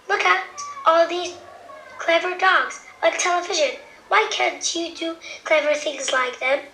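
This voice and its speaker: A woman's voice: very high-pitched, steady tone, measured pace, sharp tone, heavily acted. A woman voicing eager, bossy children from a storybook as she reads to a toddler. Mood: impatient. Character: eager, bossy children training their pet dog. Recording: echoey room.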